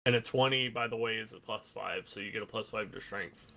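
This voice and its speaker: Forceful-voiced man running a tabletop game. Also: on the low side, steady tone, brisk, vocal fry, slight background noise, rough recording. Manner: conversational, loosely improvised. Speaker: game master. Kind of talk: casual tabletop game narration and rulings.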